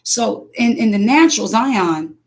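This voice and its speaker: A mother speaking casually, telling an animated spiritual testimony full of restarts and acted-out quotes. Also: on the high side, measured pace.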